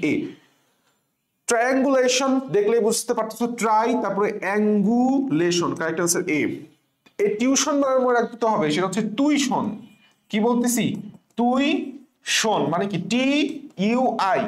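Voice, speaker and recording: A tutor with a Bangladeshi Bengali accent giving an online revision lecture, spelling words out slowly letter by letter, repeating them, and asking the class questions before answering them. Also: medium pitch. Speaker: admission exam tutor. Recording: echoey room.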